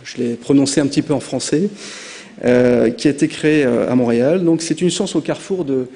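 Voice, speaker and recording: A man's voice: mid-range voice, fairly quick, warm tone. A man from France giving a conference presentation, hesitant with frequent filler sounds. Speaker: conference speaker. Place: conference hall. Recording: long reverb of a hall.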